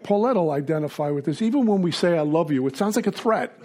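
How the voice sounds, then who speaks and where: Brooklyn-accented man, recovery meeting speaker, blunt and halting, a touch high. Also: expressive, darkish tone. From Brooklyn, New York. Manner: blunt, halting, with many fillers. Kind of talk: personal testimony talk.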